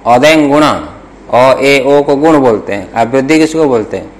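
A man leads a Sanskrit grammar lesson at an unhurried pace, his voice sitting at an ordinary middle pitch. He dictates points and asks his students the same questions again and again.

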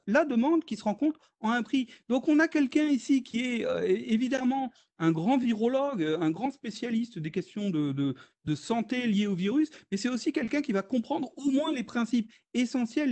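A French economist with a very high, slightly mellow voice is a guest speaker in a video-call webinar. He presents hesitantly, with many fillers and restarts.

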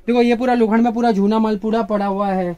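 A man in his thirties, a shop owner, rattling off his stock and prices in a casual sales pitch inside a cluttered warehouse. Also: steady tone, warm tone, a little hiss or hum. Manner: brisk, repetitive listing of wares. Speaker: gym equipment shop owner.

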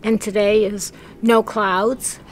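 A woman's voice: medium pitch, little pitch movement, slow pace, poor audio. A middle-aged woman chatting agreeably outdoors on a travel vlog, filmed with a camera at arm's length. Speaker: travel vlogger. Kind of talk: casual travel vlog chat. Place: outdoors by a desert campground. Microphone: camera held at arm's length.

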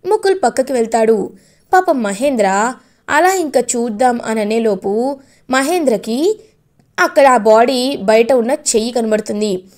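Woman recapper, animated sympathetic narration, somewhat high. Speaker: TV serial recapper. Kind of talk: storytelling recap of a TV serial.

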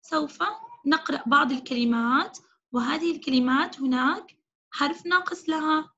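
A woman's voice: high voice, fairly bright tone. A woman teaching an online phonics lesson to young children, stretching out each sound and praising often. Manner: drawn-out syllable-by-syllable spelling with frequent praise. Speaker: kindergarten teacher. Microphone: video call. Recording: dull lo-fi video call audio.

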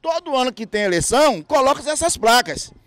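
A man's voice: extremely high pitch, big pitch swings, brisk, heavy background noise. A man, speaking indignantly into a reporter's handheld mic outdoors, with hesitant restarts. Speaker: interviewed local resident. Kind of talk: street interview complaint. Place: outdoors at a street market.

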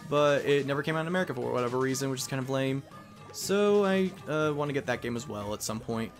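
A man's voice: medium pitch, lively intonation, fast talker. A young man giving casual, rambling commentary while playing a video game. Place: voice-over recorded over game audio. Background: faint game music.

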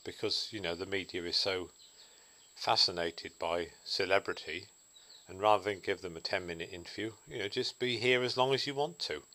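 A man talks alone to his audience in a reflective vlog monologue, thinking things through as he goes. His voice sits a little low but has a bright, forceful edge. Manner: musing, thoughtful. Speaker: vlogger.

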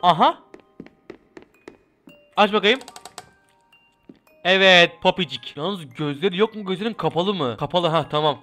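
High-voiced gamer guy yelling his way through a scary game, voice jumping all over, throat sore, loud game music behind. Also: unhurried, pauses often. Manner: excitable, yelling while running from danger. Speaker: gaming channel host. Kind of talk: let's play commentary.

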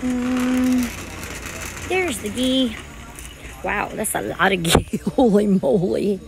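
A woman's voice: on the high side, drawn-out words, vocal fry, noisy background. A woman vlogging as she shops in a large store, chatting to her viewers in a rambling, casual way. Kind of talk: casual chat while shopping.

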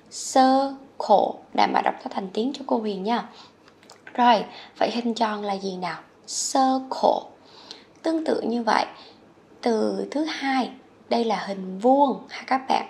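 Woman from Vietnam, kids' English teacher, slightly high, gravelly, patient drilling. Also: a little mellow, slight background noise. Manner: patient, coaxing, drills words slowly and repeats them. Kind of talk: children's vocabulary lesson. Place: HCMC.

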